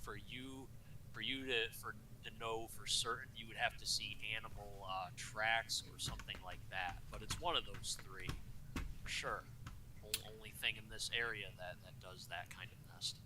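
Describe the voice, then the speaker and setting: A man running a tabletop game as game master, improvising narration in a hesitant, halting way. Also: on the low side, fairly even intonation, background noise.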